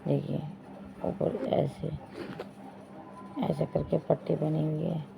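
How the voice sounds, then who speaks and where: In this relaxed home vlog, a young female vlogger addresses her audience directly, showing them things and repeating "dekhiye" as she chats. Her voice sits low, with flat, slow delivery and vocal fry. It's captured on dull lo-fi phone audio carrying a faint hiss.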